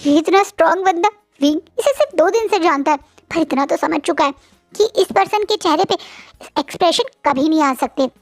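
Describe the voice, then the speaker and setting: A woman's voice: very high-pitched, animated, brisk, no echo, clean studio sound. A woman retelling a fan story in a chatty, casual way with conversational asides.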